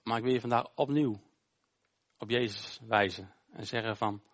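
A male pastor gives an informal sermon during a church service. He tells a Bible story conversationally, often pausing on "eh". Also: lowish voice, fairly even intonation. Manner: informal, storytelling, with frequent hesitations.

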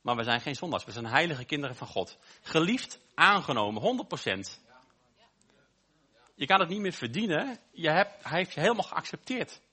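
Male preacher, fairly high, bright, slightly husky voice, emphatic repetitive sermon delivery. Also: sing-song. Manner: emphatic, repetitive preaching cadence with slow stressed phrases.

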